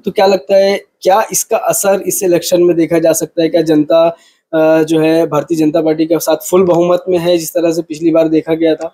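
A male news reporter puts long, winding questions to a candidate, pausing on fillers. His voice is husky and mellow, with a slightly high pitch. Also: flat delivery.

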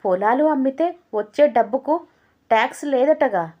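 A woman's voice: high voice, expressive, moderate pace, dull audio, pitched above the performer's own voice. Woman voicing a scheming widowed mother-in-law. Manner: wheedling and evasive.

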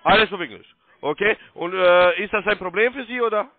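Over a muffled, narrow-band phone line, a male call centre sales agent talks briskly in a high voice. He walks the caller through instructions step by step, pushing insistently and repeating himself.

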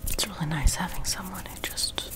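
A young man speaks in a hushed ASMR whisper, right up in your ear. He rambles softly as a host, very close to a sensitive microphone. The voice is breath more than tone. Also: high-pitched, brisk. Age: young adult. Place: small room at home, seated on a love seat. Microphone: sensitive high-gain close microphone.

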